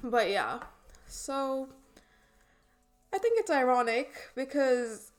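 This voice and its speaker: Slow and sing-song, a high-pitched voice belongs to a young Indian woman with a light accent. In a casual personal chat about her experiences, she leans heavily on fillers, saying "like" often and restarting her sentences.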